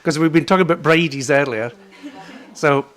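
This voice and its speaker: A woman's voice: low-pitched, moderate pace. A woman, hosting a live tour in a casual, jokey way. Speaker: live virtual tour host.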